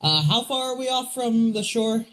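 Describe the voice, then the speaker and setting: A man's voice: very high-pitched, animated, normal speed, a bit bright, rough recording. A man co-hosting a weather livestream with casual, conversational live commentary and plain explanations.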